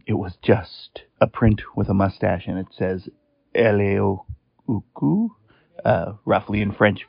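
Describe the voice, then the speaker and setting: A man's voice: lowish voice, gravelly, slightly rough, no echo. A man telling a story in a chatty, rambling way with wry asides, heard over a landline phone. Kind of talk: casual storytelling on a voicemail. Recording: muffled, narrow phone line, dry.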